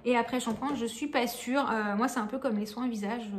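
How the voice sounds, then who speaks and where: A woman's voice: a little high, steady tone, a little fast, a little hiss or hum. A woman chatting casually about beauty products she has used up, full of fillers, restarts and frank remarks. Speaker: beauty vlogger.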